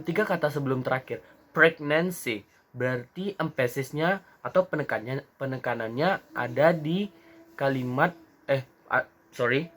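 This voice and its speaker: A young man presenting a lesson from slides, talking slowly and haltingly with many fillers and restarts, mixing English terms into his explanations. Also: medium pitch, a bit bright. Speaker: student presenter.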